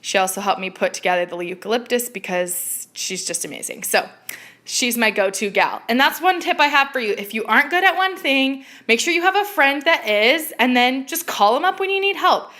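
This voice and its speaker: A woman's voice: a little high, moderate pace. A woman chatting casually and informally as she gushes through a live home makeover reveal tour. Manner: gushing, excited makeover reveal. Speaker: home decor blogger giving a live video tour. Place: indoors in a home dining room.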